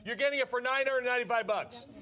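On a shopping program, a man with a high-pitched voice runs through repeated pitches at speed, pressing viewers to yell "sold."

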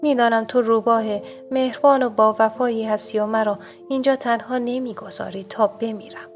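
A woman's voice: fairly high pitch, steady tone, faint music behind, close to an everyday voice. A woman voicing a proud wolf stuck in a pit, speaking in a pleading, coaxing way.

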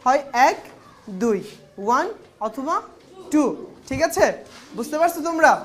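A woman with a Bangladeshi accent teaching young pupils in a classroom, calling out single English words slowly and clearly for them to repeat. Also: high voice. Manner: slow, clear drilling of single words, mixing languages. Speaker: primary school English teacher.

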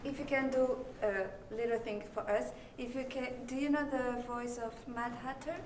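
A woman's voice: a little high, steady tone, normal speed. A woman working as a staff member, giving casual instructions and requests. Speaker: theme park staff member. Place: indoor hotel rooms.

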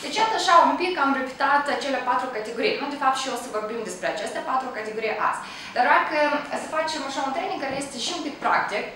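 A woman's voice: high-pitched, expressive, fairly bright tone. A woman leading a staff training session, prompting the group with questions and recapping their answers. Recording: echoey room, distant mic, faint noise.

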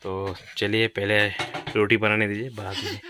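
A man's voice: level tone, unhurried, very noisy. A young man casually narrating a family vlog as a father, chatty and addressing his viewers directly. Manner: chatty, addresses viewers as guys, coaxing the child in a high sing-song. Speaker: vlogger, father.

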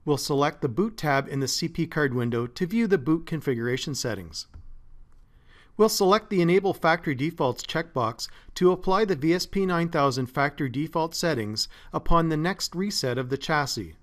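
Man, scripted tech walkthrough, step by step, animated intonation, slightly high voice. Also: normal speed. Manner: steady, methodical step-by-step delivery. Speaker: support engineer presenting a tech tip. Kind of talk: scripted tutorial narration. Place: voice-over, not recorded in the pictured place.

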